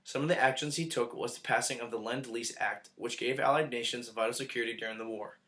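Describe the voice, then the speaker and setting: A man narrates from a script in a formal, report-like manner. His pitch sits in the middle and he reads at a brisk, rapid clip. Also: steady tone, a bit bright. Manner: reading aloud, formal report-like delivery.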